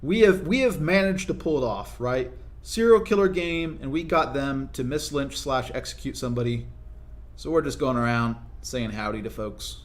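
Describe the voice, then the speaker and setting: A young man giving casual, explanatory commentary over his own gameplay, often tagging his points with quick check-ins to the listener. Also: mid-range voice. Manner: conversational, explanatory, frequent "right?" tag questions. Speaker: gaming video commentator.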